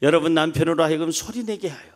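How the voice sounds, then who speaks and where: Emphatic Korean pastor preaching. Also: male voice, fairly high pitch, fast. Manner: emphatic, swings between loud calls and soft asides, acts out quoted lines. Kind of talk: sermon. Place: church sanctuary.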